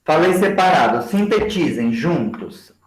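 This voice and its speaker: A man giving a training lecture to teachers and slowly spelling out example words for his class. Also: on the high side, sing-song. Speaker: education lecturer. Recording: roomy echo.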